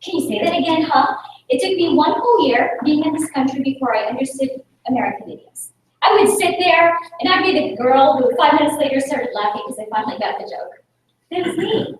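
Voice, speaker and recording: Speaking a little fast, a high-pitched woman from the Philippines who natively speaks Tagalog leads an energetic club-meeting talk with Q&A, firing rhetorical questions to engage the audience. The meeting room is very echoey, she's slightly distant from the mic, and faint noise can be heard beneath.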